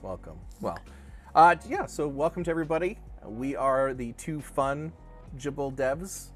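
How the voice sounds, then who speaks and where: A middle-aged man chats on a livestream with an animated, bouncing pitch, joking along and often restarting his sentences. Faint music plays underneath his voice. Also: a little slow. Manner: rambling, self-correcting, jokey. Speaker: co-host of a crypto dev livestream. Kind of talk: casual livestream chat.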